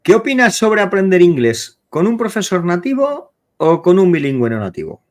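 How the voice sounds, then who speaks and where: A male interviewer asks his guest questions in a casual, teasing way. His voice is high and swings widely in pitch. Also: big pitch swings, moderate pace, darkish tone.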